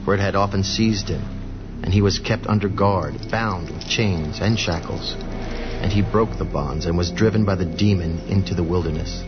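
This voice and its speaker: A man narrating scripture in a steady, even storytelling way. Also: deep voice, normal speed. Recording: dull lo-fi audio with music behind.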